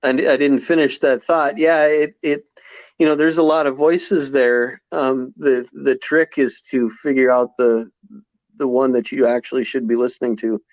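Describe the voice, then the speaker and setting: A man's voice: medium pitch, steady tone, moderate pace, no room sound. Reflective man in his forties. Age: 40s. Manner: reflective, many restarts and fillers. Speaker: podcast guest. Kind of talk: casual conversation. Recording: slightly dull podcast audio.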